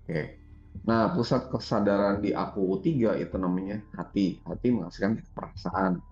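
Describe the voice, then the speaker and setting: Brief: man, gravelly, relaxed teacher voice, slightly dull roomy recording. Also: on the low side, normal speed, soft background music. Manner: relaxed, chatty, laughs often, peppers talk with "gitu". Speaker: spiritual teacher. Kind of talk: casual conversational teaching.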